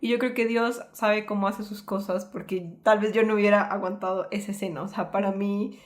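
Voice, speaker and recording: A young woman from Colombia speaks softly and thoughtfully as she recounts her side of a family loss. Her voice sits at an ordinary middle pitch for a woman, and she tells it in a candid, unhurried way, the way a nervous person does. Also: fairly even intonation. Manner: soft-spoken, reflective, self-described nervous. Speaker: podcast co-host, the speaker's sister.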